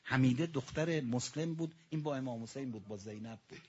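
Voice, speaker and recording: A man delivers a sermon with a mourning elegy in a husky, breathy voice. He swings from loud, dramatic outbursts to quiet, hushed passages and often calls out to his listeners directly. The recording sounds dull and lo-fi. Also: medium pitch. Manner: addresses the audience directly. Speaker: preacher.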